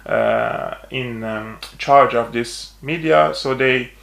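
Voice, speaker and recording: A man from Syria, a political journalist, giving measured explanatory interview answers with frequent hesitations. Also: medium pitch, gravelly, a bit bright. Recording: roomy echo.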